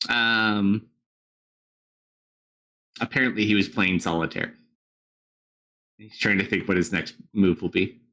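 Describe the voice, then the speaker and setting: A man's voice: on the low side, slow, long pauses, sharp tone, low-quality recording. A man acting as game master, casually improvising narration and talking with his players.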